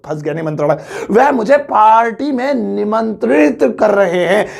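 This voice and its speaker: Gravelly, jokey Indian English teacher. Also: male voice, sits high, wildly swooping pitch, slow pace. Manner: jokey, chatty, explains phrases in Hindi with English examples. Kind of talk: casual spoken English lesson.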